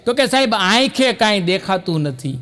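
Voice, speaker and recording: Brief: stand-up storyteller, male, high-pitched lively delivery, live hall reverb. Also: normal speed. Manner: lively joke telling, voices jumping higher for characters. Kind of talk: live Gujarati folk comedy storytelling.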